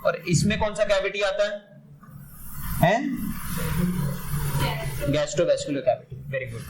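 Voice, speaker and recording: Loud, high-voiced male biology teacher. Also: a little slow. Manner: loud and energetic, often questions and praises students. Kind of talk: lively classroom lecture. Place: classroom. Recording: noisy classroom recording.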